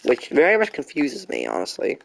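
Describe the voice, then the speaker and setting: A man's voice: medium pitch, wildly swooping pitch, fairly quick, vocal fry, a little hiss or hum. Young man chatting through a game stream. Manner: chatty, talks back to the game in mock frustration. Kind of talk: casual live gameplay commentary.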